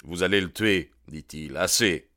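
A man's voice: low-pitched, a little slow, bright, forceful tone, no room sound, clean studio sound. A man voicing a cool young male newcomer to a gang, speaking in a firm, level tone.

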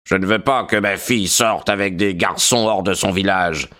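A man doing a gruff, stern old father. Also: low-pitched, moderate pace, sharp tone. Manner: gruff, commanding.

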